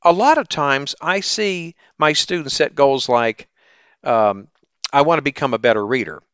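A man speaking as a teacher and podcast host in an animated, upbeat, salesy presenting style, often posing questions to the listener. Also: mid-range voice, normal speed, smooth, no room sound, muffled recording. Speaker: teacher hosting an education podcast. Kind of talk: upbeat promotional ad pitch.

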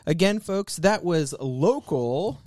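A man's voice: a little high, lively intonation, takes it slowly, a little mellow, no room sound, clean studio sound. A man co-hosting a radio show with casual, informal and somewhat hesitant talk. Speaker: radio co-host.

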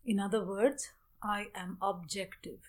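Speaking at a very unhurried pace, a woman guides a meditation with measured, short-phrased instructions and long pauses in between. Her medium-pitched voice is steady and a little mellow.

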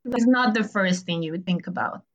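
A young woman from Ecuador, a graduate student and podcast guest, answering questions in a hesitant, casual way with pauses and restarts. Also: lowish voice.

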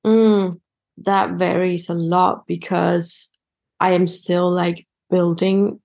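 Unhurried woman guest, hesitant phrasing. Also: lowish voice, flat delivery, creaky, a little mellow. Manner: hesitant, with many "like" fillers. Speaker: guest, a coach and public speaker. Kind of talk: casual conversation.

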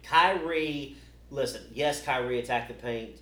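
A man co-hosting a podcast, arguing about sports in a casual, blunt and profane way that turns animated. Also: medium pitch, unhurried. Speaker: podcast co-host. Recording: echoey room.

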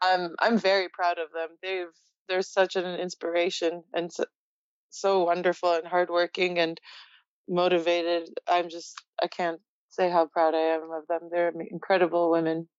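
Laughing, reflective woman with a low voice. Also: normal speed, smooth, no room sound, muffled recording. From Poland. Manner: relaxed, reflective, laughs often. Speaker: interview guest. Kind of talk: casual interview chat.

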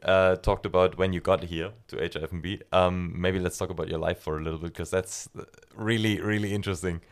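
A man's voice: sits low, steady tone, brisk. A man hosting an interview, asking friendly questions and answering with short agreements. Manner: friendly, with short backchannel replies. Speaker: podcast host. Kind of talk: casual interview chat.

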